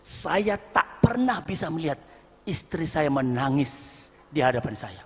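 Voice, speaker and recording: A man preaching a sermon and telling a story, switching to loud, shouted lines when he acts out quotes. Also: a little high, very animated, unhurried, breathy edge. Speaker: pastor. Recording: echoey live hall recording.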